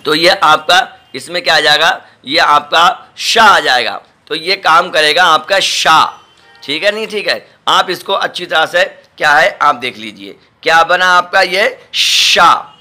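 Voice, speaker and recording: Bright-voiced imam drawing out letter sounds. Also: male voice, fairly high pitch, expressive. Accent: Delhi Hindustani. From India. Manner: repeats each letter slowly, often checks with "ठीक है" and "समझे". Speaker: imam teaching Quran letters. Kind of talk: patient step-by-step recorded lesson.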